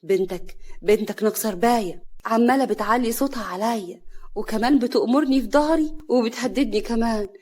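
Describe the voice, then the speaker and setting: A woman voicing a cold, stubborn young husband with an Upper Egyptian accent and a flat, stern manner. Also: a little high, fairly quick, natural voice. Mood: complaining. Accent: Upper Egyptian Arabic.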